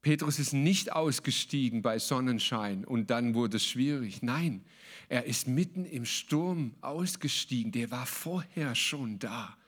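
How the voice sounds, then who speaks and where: A man preaching a sermon as a pastor, emphatic and colloquial, mixing in English words. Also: mid-range voice.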